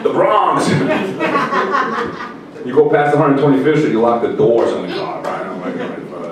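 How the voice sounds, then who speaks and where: Performing live at a comedy club, this Russian-born man who grew up in Queens, New York, delivers crude, brash stand-up and banters with the crowd between bits. His voice sits mid-range at a normal speed, picked up by a distant mic in an echoey room full of loud laughter.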